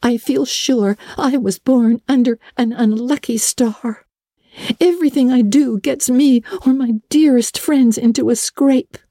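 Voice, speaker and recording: A woman's voice: a little high, measured pace, dark tone, no echo, pitched above the performer's own voice. A woman reading aloud, voicing a talkative, imaginative orphan girl who speaks earnestly and theatrically.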